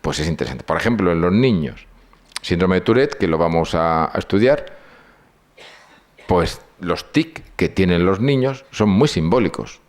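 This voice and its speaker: A man's voice: sits low, normal speed. A man from giving an informal lecture, telling anecdotes and acting out dialogue. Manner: animated storytelling, acts out dialogue.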